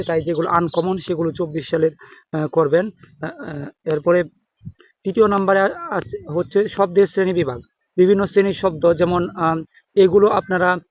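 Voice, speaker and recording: Halting young man tutoring, high voice. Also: no room sound. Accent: Bangladeshi Bengali. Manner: halting, many fillers and restarts. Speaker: exam tutor. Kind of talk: informal exam-prep lesson. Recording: dull dry close recording.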